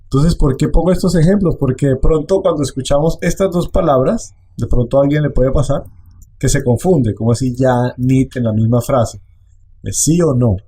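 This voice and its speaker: A man teaching a language online, explaining slowly and repeating phrases. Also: medium pitch, warm tone, husky.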